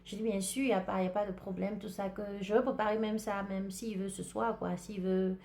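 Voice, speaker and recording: Gravelly and medium in pitch, this podcast host's voice runs a little fast. She's an African woman with an African French accent, casually and chattily recounting something from her own life straight to her audience with lively energy.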